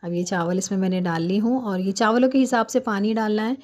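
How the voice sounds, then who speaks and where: A woman doing a hurried, chatty cooking voice-over while fasting, explaining each step at home. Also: mid-range voice, steady tone, a little mellow. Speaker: home cook vlogger.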